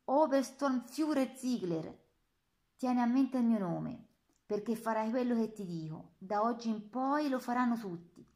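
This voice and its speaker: A woman reading an audiobook, voicing a harsh male SS lieutenant who shouts orders. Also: sits high, big pitch swings, moderate pace, voice pushed up. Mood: commanding.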